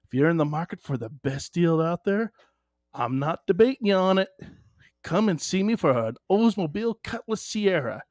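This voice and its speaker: A man's voice: sits high, sing-song, normal speed, darkish tone, no room sound, studio quality. A man putting on a put-on Upper Midwest accent to play a flustered, folksy middle-aged car salesman who stammers over his lines. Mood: folksy salesy.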